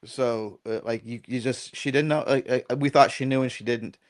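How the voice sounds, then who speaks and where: A medium-pitched man at a moderate pace, middle-aged, guests on a podcast as a dog trainer. He wanders casually through his talk, repeatedly asks "right?", and acts out little quotes as an animated storyteller.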